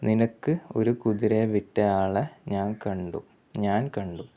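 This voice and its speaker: A man with a Malayali accent teaches English grammar in a patient, repetitive way, with a somewhat low voice. He stops to correct himself and reads each example sentence very slowly and deliberately. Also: fairly even intonation, warm tone. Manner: slow, repetitive explaining with self-corrections. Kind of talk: explanatory grammar lesson.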